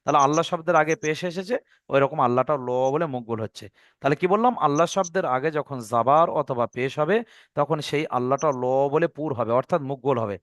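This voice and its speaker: A man teaches Quran recitation rules, going over each point patiently and often checking that his student follows. His voice sits a little high, and the recording is dry and close. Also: quick pace, a bit bright, dry recording. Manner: patient, repeats rules step by step, checks understanding. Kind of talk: online Quran reading lesson.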